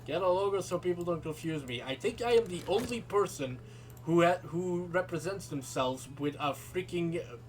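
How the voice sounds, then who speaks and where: A man's voice: sits high, moderate pace, slight background noise. A man from continental Europe, a native Dutch speaker, casually commenting on a game for his chat in a dry, self-mocking way. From Europe, not the British Isles. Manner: dry, self-mocking, talks to chat while reading game text aloud. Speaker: streamer. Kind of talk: live game stream commentary. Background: game music.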